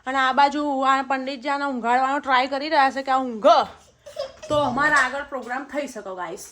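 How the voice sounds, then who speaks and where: A young woman with a Gujarati accent chats casually in her family cooking vlog, often laughing and calling her viewers "guys." Her high-pitched voice holds a steady tone at a brisk pace, with background noise in the recording.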